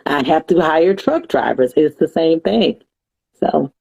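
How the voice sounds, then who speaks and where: Woman, lowish voice, animated podcast guest talking shop. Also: unhurried, vocal fry, breathy edge, highs cut off. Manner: animated, acts out broker calls. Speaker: dispatcher guest. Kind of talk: podcast interview chat.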